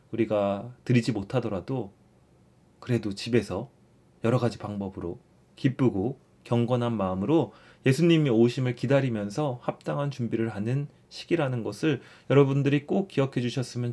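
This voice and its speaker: In a mid-pitched voice, a young man gives an easygoing catechism lesson that feels like conversation. He frequently begins with "자," a prompting "so" to move listeners along, and warmly restates his points with repeated phrases.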